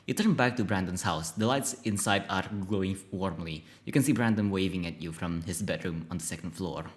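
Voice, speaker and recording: A man streaming a text horror game, reading its narration aloud and reacting excitedly, swearing and stumbling over words. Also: sits low, a little fast.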